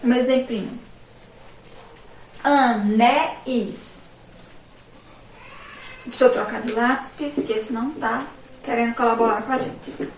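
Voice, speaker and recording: Brazilian woman teacher from Sergipe, slow and emphatic with children, slightly high voice, echoey room from a distance. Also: fairly even intonation. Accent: Brazilian Portuguese, Sergipe. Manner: slow, drawn-out, emphatic syllables with frequent "ó" and "olha aqui". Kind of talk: remote school lesson for children. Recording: echoey room from far off, faint background noise.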